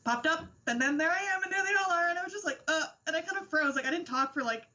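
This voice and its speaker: A young woman excitedly telling a personal story as a news guest, gushing and quoting herself a lot. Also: very high-pitched, fast talker, dull audio. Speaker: interview guest.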